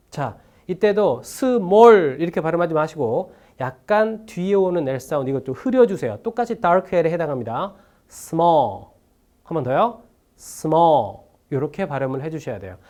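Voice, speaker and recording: A man's voice: on the high side, a little mellow. Korean man teaching English pronunciation. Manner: explains step by step, models English words slowly and repeats them. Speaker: English speaking test instructor. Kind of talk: recorded online lecture.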